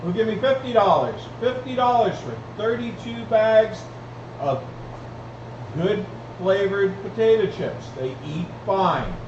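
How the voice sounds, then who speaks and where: High-voiced male auctioneer calling bids. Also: animated, measured pace. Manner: auctioneer's repetitive bid calling, addressing folks. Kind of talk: live online auction calling. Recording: roomy, distant mic, dull, clearly noisy.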